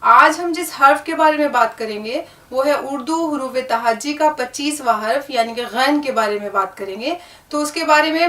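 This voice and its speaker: A woman's voice: high voice, a bit bright, reverberant, distant mic. A woman teaching a language lesson, patiently spelling out words, repeating them and checking with the learner. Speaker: Urdu teacher. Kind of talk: classroom lesson on letters and words.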